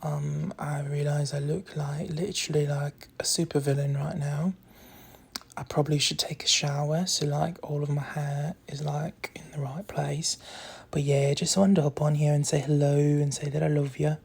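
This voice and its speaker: Rambling softly and candidly into a phone, a young adult content creator confides in followers using a put-on British accent and plenty of "like." The voice is husky and creaky, trailing into breathiness, mid-range with little pitch movement and at a normal speed.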